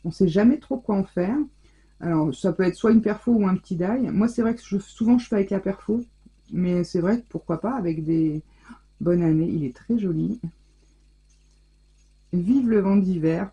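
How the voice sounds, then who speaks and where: A woman's voice: on the low side, warm tone, breathy edge, poor audio. A woman scrapbooking vlogger chatting casually as she unboxes crafts, gushing and exclaiming over each item. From France.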